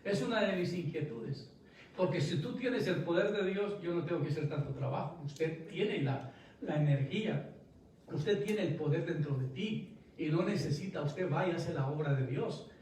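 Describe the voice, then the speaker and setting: A man's voice: a little high, moderate pace, darkish tone, a little hiss or hum. Echoey preacher man, heard from afar. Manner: storytelling preacher, rising to emphatic bursts. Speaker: pastor. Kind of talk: sermon. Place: church sanctuary. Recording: echoey church hall, from a distance.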